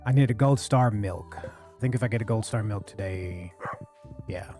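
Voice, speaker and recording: A man streams a farming game, chatting casually and keeping his deep, mellow voice low as he speaks at a normal speed into a studio mic on a boom arm close to his face. He rambles, corrects himself and apologizes, with faint music playing behind him.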